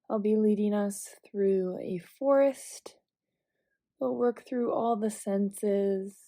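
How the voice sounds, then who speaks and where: A woman guides a visualization meditation with calm, gentle, measured instructions, leaving long pauses between phrases. Her voice is medium-pitched, with no room sound.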